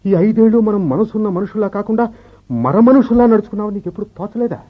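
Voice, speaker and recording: An actor playing a bitter, reproachful husband in an old radio show, speaking slowly and reflectively, with the dull sound of a vintage radio broadcast. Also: male voice, high-pitched, steady tone. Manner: slow, reproachful, reflective speech. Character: bitter middle-aged husband, a clerk left behind. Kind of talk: 1970s radio drama acting.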